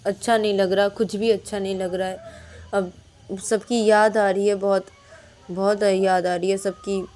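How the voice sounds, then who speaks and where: A lonely, anxious young woman who misses everyone at home. Her voice goes from quiet and hesitant to high, sharp scolding, as a woman storyteller puts her on. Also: level tone, unhurried, natural voice. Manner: pleading, rises to sharp scolding. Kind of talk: storybook narration.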